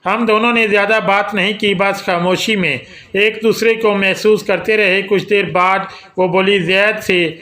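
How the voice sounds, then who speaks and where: A man telling a romantic audio novel in the first person, in steady, scripted storytelling. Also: high voice. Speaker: narrator.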